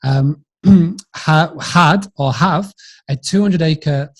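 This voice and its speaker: Drawing out his words in a voice on the high side, this middle-aged Yorkshireman chats and rambles through stories during an interview. He's a business founder appearing on a podcast, and his accent is northern English.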